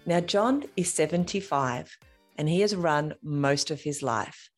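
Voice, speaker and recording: She has a low, expressive voice and takes her time, with faint music in the background. As the host of a podcast interview, she's chatty and full of enthusiasm, though her words often get tangled and she restarts sentences mid-question.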